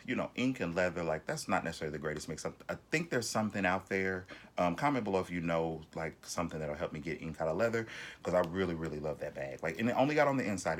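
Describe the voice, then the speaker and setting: A man's voice: deep voice, fairly bright tone. A man chatting casually through a haul video at home, rambling with many ums and restarts. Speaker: vlogger. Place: home bedroom.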